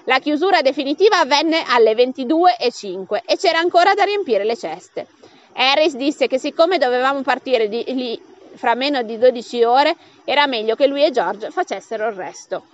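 Lively woman reading a story aloud. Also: normal speed, muffled recording. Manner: lively, acts out the dialogue with raised pitch. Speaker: audiobook reader. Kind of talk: expressive audiobook reading.

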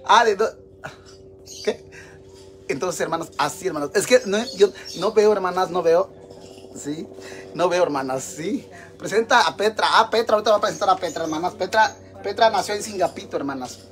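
A man's voice: sits high, moderate pace, fairly bright tone. Campy Mexican man chatting while cooking. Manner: campy, teasing and crude, chatting to viewers. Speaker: live streamer. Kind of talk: live stream chat while cooking. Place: home kitchen.

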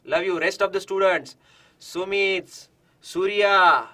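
A man in his thirties with an Indian accent, teaching a live online lesson, encouraging and animated, often repeating phrases and asking questions as he works through problems. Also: high voice, slow pace. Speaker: exam-prep engineering teacher. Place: indoor studio in front of digital board.

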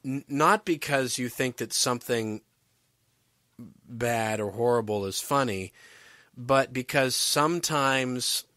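A man's voice: medium pitch, takes it slowly, sharp tone, no room sound, studio quality. A man hosting a podcast interview, asking long, rambling questions with chuckles. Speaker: podcast host. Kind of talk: casual interview.

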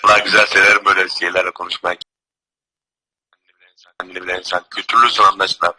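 Boastful man on the phone, sharp bright voice. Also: low-pitched, little pitch movement, fast, rough recording. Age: young adult.

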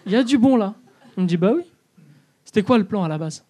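A man's voice: sits high, lively intonation, fast, warm tone. A young man doing stand-up in a comedy club, telling a story and acting out both sides of the dialogue.

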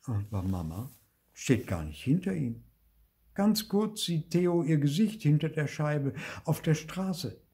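An older man reads a children's story aloud in a very husky, breathy voice. His pitch moves lively up and down, and his tone is dark and mellow, with soft murmured asides. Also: slow pace. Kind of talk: expressive read-aloud storytelling.

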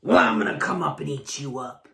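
A woman voicing a mean, ugly male troll who makes low, gruff threats in a children's story. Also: animated, a little fast, a bit bright, full character voice. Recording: echoey room.

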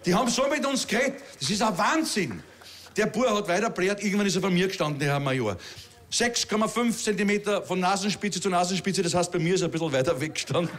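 A man's voice: high-pitched, lively intonation, quick pace, a bit bright, slight background noise. A middle-aged man with a Viennese accent telling a stand-up story, chatty and self-mocking, with laughing asides. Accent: Viennese Austrian German. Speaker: comedian.

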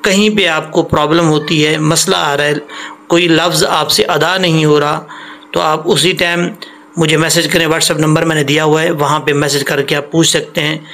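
A man's voice: fairly high pitch, fairly even intonation, normal speed, pushed and bright, slight background noise. A man teaching an online recitation lesson, explaining patiently and repeating points, stretching out syllables to demonstrate pronunciation.

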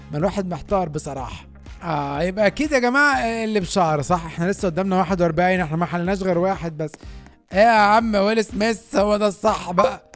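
An Egyptian man rattles off gaming commentary at a quick clip, chatting straight to his viewers. His pitch leaps up and down as he reacts. Faint music plays underneath his voice. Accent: Egyptian Arabic. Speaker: gaming YouTuber.

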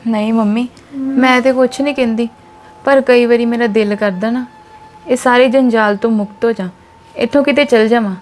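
A woman with a Punjabi accent playing an unhappy young married daughter who speaks softly and with resignation. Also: fairly high pitch, fairly even intonation, normal speed, faint music behind, natural voice. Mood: resigned. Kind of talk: family drama acting.

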